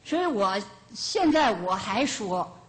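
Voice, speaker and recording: An older woman giving a Buddhist teaching as a lay teacher, telling lively homespun stories and chuckling now and then. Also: mid-range voice, takes it slowly. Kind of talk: storytelling dharma talk. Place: lecture hall of a Buddhist centre.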